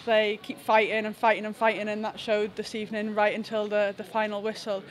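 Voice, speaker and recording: A woman's voice: mid-range voice, level tone, slight background noise. A young woman speaks as a rugby captain in a post-match press scrum, her delivery level and unvaried. She thinks aloud, stopping and restarting phrases often. Close handheld press mics catch her indoors. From England. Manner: reflective, halting with frequent restarts. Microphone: several handheld press mics close to her face.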